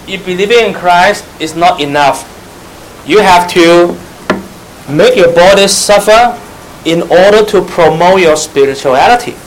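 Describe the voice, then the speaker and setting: A man's voice: high-pitched, a little hiss or hum, low-quality recording. A man teaching church history, spelling out terms letter by letter, glossing them in Chinese and quizzing his listeners. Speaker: Bible teacher.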